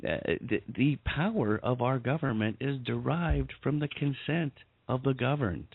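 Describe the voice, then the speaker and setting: A male guest advocate on a radio show, speaking earnestly and in a measured way. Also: medium pitch, vocal fry, husky, no echo. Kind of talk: earnest call-in talk. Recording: dry tinny phone line.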